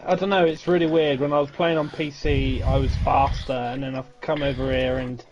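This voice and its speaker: A man's voice: medium pitch, flat delivery, normal speed. A man, a racing driver guest, talking hesitantly and self-doubtingly in casual chat on the commentary. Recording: dull lo-fi mic with clear background noise.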